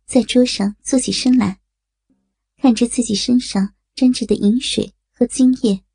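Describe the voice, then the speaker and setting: A woman narrating an erotic audio story in a slow, breathy storytelling manner. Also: fairly high pitch, fairly even intonation, warm tone, no room sound.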